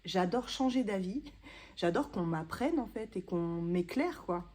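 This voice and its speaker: A woman's voice: lowish voice, expressive, unhurried, darkish tone. A woman in her thirties chatting casually to camera in a book vlog, self-mocking and full of small hesitations. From France. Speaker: booktuber.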